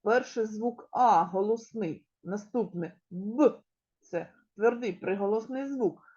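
A woman kindergarten teacher with a Ukrainian accent gives a slow, clearly articulated literacy lesson, stretching out key words and asking the children questions. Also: mid-range voice, warm tone, highs cut off. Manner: addresses children directly and asks them questions. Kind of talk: recorded preschool literacy lesson.

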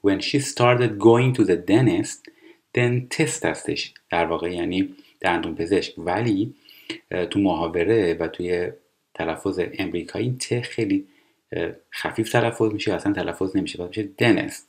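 Low-voiced man teaching English. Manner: explanatory, reads English lines slowly and carefully. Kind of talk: language lesson explaining TV dialogue.

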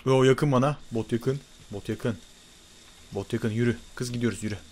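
A young man giving excited let's-play commentary, swinging between loud frantic outbursts and muttering to himself. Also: mid-range voice, moderate pace. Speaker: gaming YouTuber.

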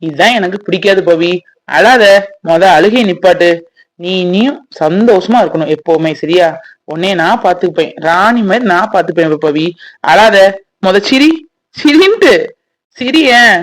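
A woman voicing a protective young village man in a cartoon, speaking in a with a gentle, reassuring manner. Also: fairly low pitch, lively intonation, moderate pace, low-quality recording.

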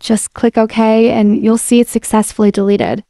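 A woman's voice: fairly high pitch, moderate pace, no room sound, studio quality. A woman giving a casual, friendly, step-by-step voice-over walkthrough of an app. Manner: relaxed, friendly step-by-step explaining. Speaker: software demo presenter. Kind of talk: casual screen-recorded software walkthrough. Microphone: voice-over mic.

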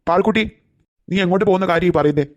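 Guy doing a kind old grandpa in a cartoon, quick and reassuring. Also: high voice, highs cut off, natural voice. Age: older. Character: kindly protective old grandfather.

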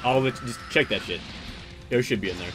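A man's voice: mid-range voice, brisk, over music. A man giving loose, rambling commentary on a gaming stream, swearing freely as he organizes a tournament.

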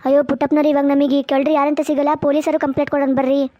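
A woman's voice: high voice, flat delivery, racing, no echo, close to an everyday voice. A woman voicing an anxious young male coconut vendor, in a cartoon, pleading with his neighbor. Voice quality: pleading, repeats the farmer's name. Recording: dull, lo-fi, dry.

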